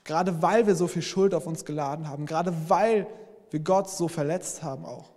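A man's voice: fairly high pitch, normal speed, a little mellow. A man preaching a sermon as pastor, earnest, speaking straight to his listeners and often breaking in with "hey". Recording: long reverb from a large hall.

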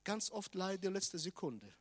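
High-voiced preacher, emphatic man. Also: very animated, measured pace, husky. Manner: emphatic, swings from loud declarations to quiet asides. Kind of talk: sermon.

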